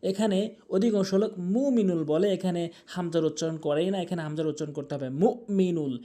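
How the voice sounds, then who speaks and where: A man's voice: on the high side, fairly even intonation, fast talker, mellow. A man teaching correct Quran pronunciation in a lesson, patiently repeating each correction plainly.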